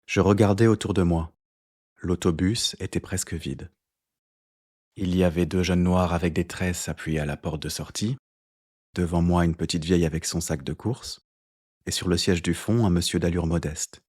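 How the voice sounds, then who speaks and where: Male audiobook narrator, very low voice, measured literary first-person reading. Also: steady tone, a little mellow.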